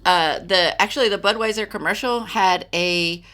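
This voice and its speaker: A woman's voice: medium pitch, moderate pace, a bit bright. A middle-aged woman from Texas, hosting a podcast and telling stories in a chatty way with many fillers. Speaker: podcast host. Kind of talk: casual chat.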